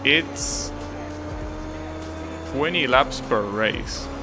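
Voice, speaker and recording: Speaking extremely slowly in a medium pitch, an Argentine-accented streamer muses casually to his chat while racing in a game, with music playing underneath.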